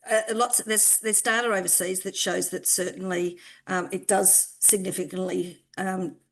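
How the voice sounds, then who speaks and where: A woman researcher with a croaky voice, answering a question in an online webinar with many pauses and fillers. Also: fairly low pitch, level tone, fairly bright tone, a little hiss or hum. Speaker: researcher joining the Q&A.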